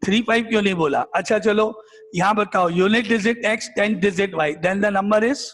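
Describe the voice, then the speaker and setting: High-voiced male teacher drilling a class. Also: steady tone, a little slow, a bit bright, long reverb tail. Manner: repetitive, drilling questions back at the class. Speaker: math teacher. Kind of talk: classroom lecture, questioning students. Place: classroom with students.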